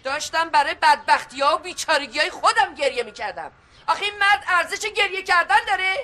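A woman's voice: very high-pitched, expressive, bright, forceful tone, full character voice. An actress playing a fed-up wife who bitterly scolds her lying husband in a comic TV series. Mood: scolding. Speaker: wife and mother.

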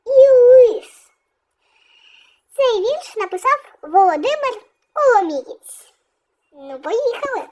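A woman teacher leading a primary school reading lesson, speaking slowly and carefully as she explains words and reads aloud. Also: very high voice, a little mellow. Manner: slow, careful teacherly delivery.

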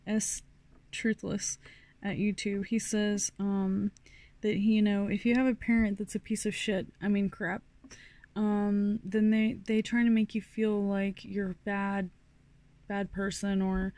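A woman's voice: mid-range voice, dark tone, no echo. A middle-aged woman from New Mexico giving a rambling, casual tarot reading full of fillers and restarts. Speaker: tarot reader.

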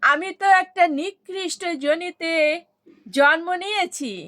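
A woman voicing a humble, repentant male tiger who pleads in a lifted, quick voice in a devotional storybook tale. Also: very high voice, pushed and bright, voice pushed up, exaggerated voice. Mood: pleading.

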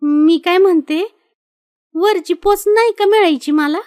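An actress playing an eager, unschooled village wife who earnestly asks questions. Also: female voice, extremely high pitch, measured pace, a little mellow.

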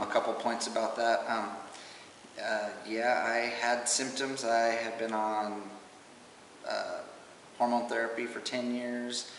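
A man giving a halting, emotional personal testimony to camera as a father, on old home camcorder audio. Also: lowish voice, fairly bright tone. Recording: roomy, distant, hissy home camcorder sound.

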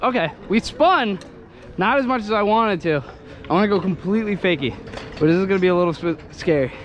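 Young male vlogger, casual and excitable, action-camera mic at an outdoor skatepark with heavy background noise. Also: high voice, a little fast, lo-fi sound. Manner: excitable, swears, laughs at himself. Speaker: scooter rider filming himself. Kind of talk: casual self-filmed vlog commentary. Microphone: action camera on handlebars. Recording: noisy outdoor camera audio.

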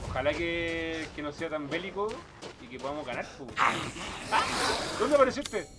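Congested man, lively jumpy gameplay talk. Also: on the high side, normal speed, loud music behind the voice. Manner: jumpy, exclaiming at scares. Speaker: gameplay host. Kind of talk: casual let's-play commentary. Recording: loud background noise, game sounds.

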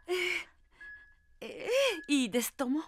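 In a Japanese audio drama, an actress plays an elderly mother gently reassuring her daughter. Her voice is high-pitched and a little slow, earnest and tender.

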